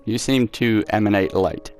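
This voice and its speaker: A young man with a fairly low voice and moderate pace plays a horror game for a let's play, casually commenting as he goes. He reads in-game notes out loud, turns sarcastic, and swears at the game, while faint music plays.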